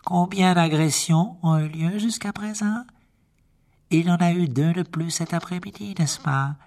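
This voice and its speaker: A man's voice: high-pitched, unhurried, darkish tone, pitched above the performer's own voice. A man voicing a cold, scheming aristocrat with a silky, mocking way of speaking. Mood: menacing. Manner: silky, mocking, smooth-spoken.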